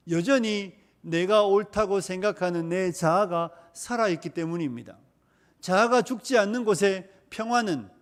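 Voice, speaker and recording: A male pastor preaching a sermon, asking rhetorical questions and driving points home with repetition. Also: high voice.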